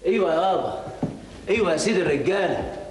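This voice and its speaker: A fawning Egyptian son. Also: male voice, high voice, animated, brisk, a little mellow, a little hiss or hum. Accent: Egyptian Arabic. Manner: placating, fawning. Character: flattering dutiful elder son. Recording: roomy.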